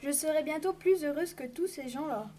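Wife in a read-aloud tale, greedy and impulsive, voiced by a woman with a very high voice. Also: brisk, crowd noise, lightly acted. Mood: wishful. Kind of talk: storybook reading in parts.

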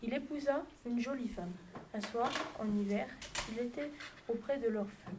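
A woman reading a fairy tale aloud in a fairly high voice, steady with a few small stumbles. Clear hiss and clicking noises sit under the reading. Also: normal speed. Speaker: narrator. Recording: noisy home recording with clicks.

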